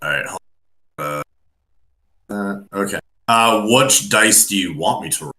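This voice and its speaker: A man's voice: lowish voice, a little slow, bright, forceful tone. A man playing a tabletop game, easygoing and a bit hesitant, with many fillers. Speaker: player. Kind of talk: casual game chat. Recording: echoey room.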